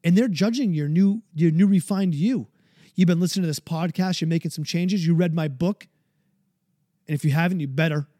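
High-ish guy getting all hyped on his podcast, cussing, dry close mic. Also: brisk, dark tone, no echo. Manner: fired up, preachy, swears freely. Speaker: podcast host. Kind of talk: motivational podcast monologue.

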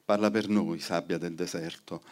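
A man's voice: sits low, fairly even intonation, normal speed, darkish tone. A man reciting a poem at a live event with an incantatory, repeated refrain. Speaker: poetry reader. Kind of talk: poetry recitation with chorus. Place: event hall.

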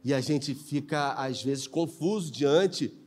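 A man with a Brazilian Portuguese accent, a pastor preaching a live sermon in church, animated and acting out dialogue in voices. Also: a little high, takes it slowly, faint music behind. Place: church sanctuary.

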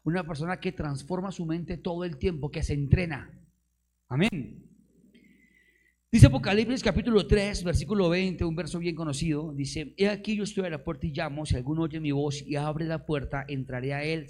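A man's voice: on the high side, normal speed, a little mellow. A man preaching a live sermon, firing rhetorical questions at the congregation and joking with them. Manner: call-and-response with the congregation, rhetorical questions, bursts of emphasis; playful, laughs with the audience. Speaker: pastor.

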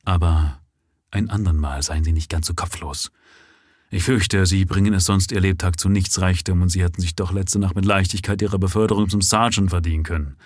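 A man voicing a brilliant, self-assured detective in a low, measured, husky voice. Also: fairly even intonation, dry recording, studio quality. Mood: commanding. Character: cool, brilliant male detective, sharp and lordly.

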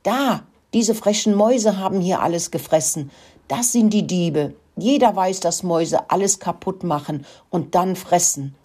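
A woman's voice: lowish voice, measured pace, dark tone, slightly rough. A woman doing a whiny, lying pig. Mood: accusing. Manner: whiny, grunting, defensive. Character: lying greedy male farm pig.

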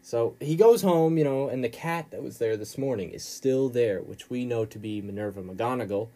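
A man's voice: mid-range voice, normal speed, dark tone. A male podcast host giving a casual, rambling recap of a chapter in informal, slangy storytelling.

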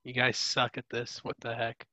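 A man's voice: mid-range voice, completely flat delivery, normal speed, sharp tone, no echo. A young man hosting a casual podcast, playful and teasing with his co-hosts. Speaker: podcast host.

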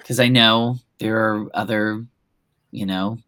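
A woman's voice: rumbling low, steady tone, slow pace, a bit bright, dry recording. A woman co-hosting a podcast, chatting casually in an easygoing, agreeable way. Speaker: podcast co-host. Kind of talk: casual chat.

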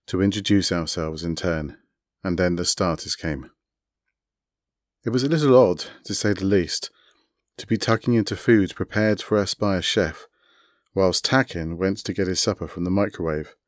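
A man narrating his own short story in a measured, even storytelling manner. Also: sits low, dry recording, clean studio sound. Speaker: author reading his story.

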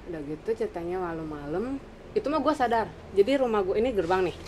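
A woman's voice: mid-range voice, animated, fast talker, a little mellow. A young woman with a Jakarta-area accent telling a ghost story casually and animatedly in informal Jakarta slang. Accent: Jakarta-area Indonesian. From Indonesia, Cibinong area. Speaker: storyteller in a group chat. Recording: clearly noisy room ambience.

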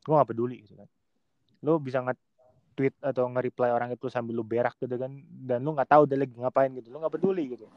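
A man's voice: medium pitch, fairly even intonation, fast, dry recording, dull audio. A man talking casually and animatedly on a remote podcast from home, slangy and mocking online commenters. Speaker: podcast guest.

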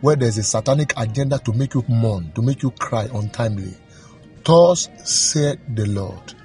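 A man's voice: mid-range voice, normal speed, a little mellow, faint music behind. A man leading fervent prayer, declaring and commanding in rhythmic, repeated phrases. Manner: rhythmic repetition, commanding, emphatic.

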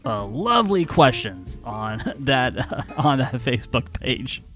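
A man's voice: mid-range voice, very animated, slow, fairly bright tone, faint music behind. A man co-hosting a casual podcast, rambling with many fillers and restarts. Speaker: podcast co-host.

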